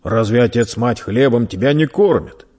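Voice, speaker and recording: A man voicing a burly red-bearded merchant who scolds and mocks a young thief loudly. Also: mid-range voice, lively intonation, moderate pace, natural voice. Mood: mocking. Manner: loud, scolding, teasing.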